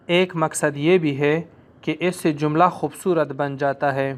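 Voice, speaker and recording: A man with an Urdu accent teaching a language lesson, explaining slowly and repeating phrases for students to drill. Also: on the high side, smooth.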